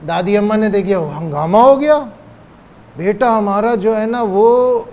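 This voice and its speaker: A man's voice: sits high, darkish tone. A man giving a religious lecture, asking rhetorical questions and stretching out key phrases for emphasis. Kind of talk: Urdu religious lecture on parenting.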